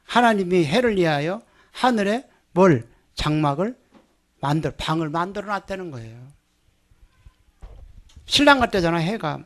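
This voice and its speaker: A man's voice: high-pitched, lively intonation, normal speed, pauses often. An older man preaching a sermon as a seminary dean, emphatic and leading the congregation in call-and-response. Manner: emphatic, calls on the congregation to repeat.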